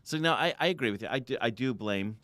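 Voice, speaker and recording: A man's voice: mid-range voice, animated, quick pace, fairly bright tone, no echo. A man co-hosting a casual football podcast, joking and sarcastic, often trailing off and restarting. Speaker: podcast co-host. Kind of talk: casual chat about football.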